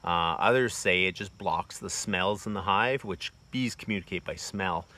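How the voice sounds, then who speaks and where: A homesteading vlogger in his forties, with a deep, sharp-toned voice at a moderate pace, gives a casual, plainspoken how-to demonstration outdoors in a wooded bee yard. He films it on a phone held close, and his speech has plenty of loose fillers. Crickets and insects hum in the background.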